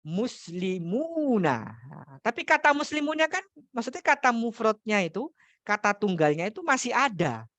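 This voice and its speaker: A man's voice: very high voice, sing-song, normal speed, pushed and bright, no echo. A man teaching Arabic grammar in a study class, explaining step by step, repeating key terms and asking questions for his students. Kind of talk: religious study class lecture.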